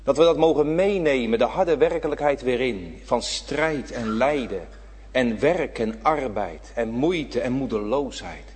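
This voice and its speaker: A middle-aged pastor preaching a sermon, swinging between soft talk and loud, drawn-out emphasis. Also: male voice, mid-range voice, animated, long reverb tail, a little hiss or hum. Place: church hall.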